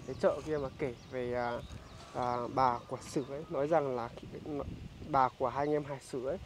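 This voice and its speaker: A man doing a casual on-location interview in a rural village, speaking haltingly with many filler sounds. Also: medium pitch, steady tone, background noise. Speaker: vlogger visiting a poor family.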